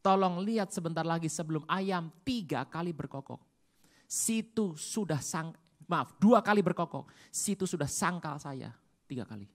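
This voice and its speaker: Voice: medium pitch, lively intonation, normal speed, natural voice. A preacher voicing Jesus, teasing and slangy. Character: Jesus speaking to Peter, teasing and casual.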